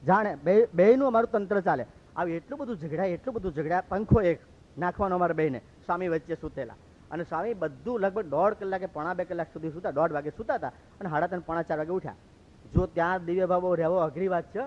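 A man from Gujarat, a monk telling stories in a lively sermon and acting out what others said. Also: high voice. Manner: lively, acts out quoted speech. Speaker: monk preacher. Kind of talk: storytelling sermon. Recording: dull lo-fi recording.

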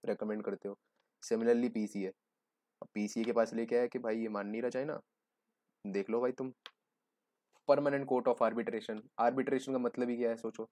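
A man's voice: on the low side, warm tone. A young man giving a joking, conversational exam-prep lecture, explaining with everyday examples. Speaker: teacher.

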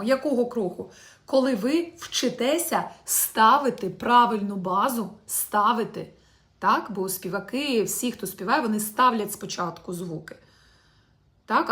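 Woman, pronunciation teacher, somewhat high voice, lively and direct, repeats French sounds slowly for learners to copy. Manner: animated, drills French phrases slowly and clearly; addresses viewers warmly as "my dear ones". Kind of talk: online video lesson.

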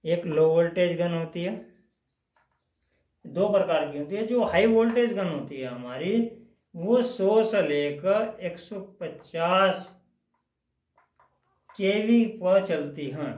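A man's voice: sits high, animated, slow, long pauses, a little mellow, reverberant. A man teaching a technical lesson at a whiteboard, explaining step by step and repeating phrases as he goes. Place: indoors at a whiteboard.

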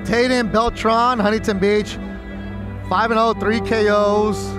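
High-voiced jokey male boxing commentator. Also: level tone, measured pace. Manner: jokey, chummy, slangy. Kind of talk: casual banter commentary. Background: music.

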